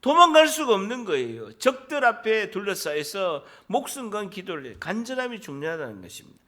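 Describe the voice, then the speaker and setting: Male pastor, church sermon, bright sharp voice, very lively intonation, emphatic. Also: high-pitched, fairly quick. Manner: emphatic, rising to loud exhortation.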